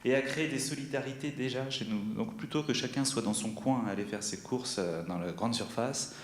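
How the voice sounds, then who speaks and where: A man from France explaining at a public discussion, hesitant and often pausing mid-sentence. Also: mid-range voice. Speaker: panel speaker, consumer association member. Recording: echoey room.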